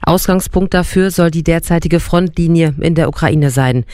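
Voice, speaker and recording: A man reading scripted radio news with a clear, smooth delivery. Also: a little high, moderate pace, darkish tone, no echo, studio quality. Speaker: radio newsreader.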